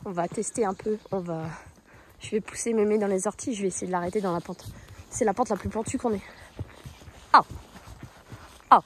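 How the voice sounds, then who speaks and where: A woman's voice: mid-range voice, quick pace, warm tone, slight background noise. A woman filming a casual vlog on her phone while working with her horse on a rural path, explaining as she goes and cooing praise to the animal. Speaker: horse owner vlogger. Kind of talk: casual outdoor vlog commentary. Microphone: phone held in one hand.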